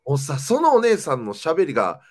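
A man's voice: fairly high pitch, normal speed. A young man, a comedian chatting as host and telling stories with lots of animation. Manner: animated storytelling, voice jumping up and down. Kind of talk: casual chat.

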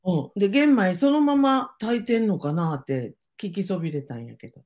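A woman's voice: medium pitch, lively intonation, normal speed, darkish tone. An older woman with a Kansai accent, chatting casually as the host's mother and giving easygoing, matter-of-fact advice. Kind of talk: casual chat.

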